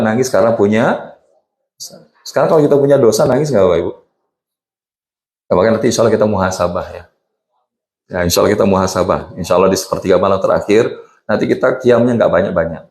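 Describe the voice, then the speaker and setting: A man's voice: lowish voice, a little mellow. Middle-aged man preaching in echoey mosque. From Indonesia. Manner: asks the congregation questions, mixes in English phrases. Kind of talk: sermon.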